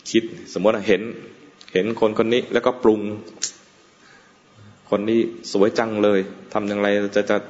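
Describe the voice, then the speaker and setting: A male Buddhist monk gives a dharma talk in a low, unhurried voice, slipping in light jokes and soft chuckles. His words ring out with a long hall reverb. The sound is dull and muffled. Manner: relaxed, joking asides with frequent chuckles. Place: meditation hall.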